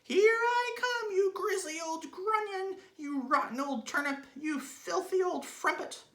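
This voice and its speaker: A man's voice: extremely high pitch, sing-song, normal speed, vocal fry, bright, forceful tone, pitched above the performer's own voice, heavily acted. A man voicing a shrieking, furious, ugly old woman, screeching insults, in a storybook reading in an echoey room.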